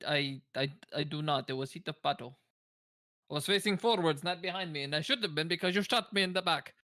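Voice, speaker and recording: A man with a high, bright voice speaks in character at a tabletop game. He stammers through broken English, dropping small words as he argues back. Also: fast. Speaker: player. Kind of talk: in-character tabletop role-play.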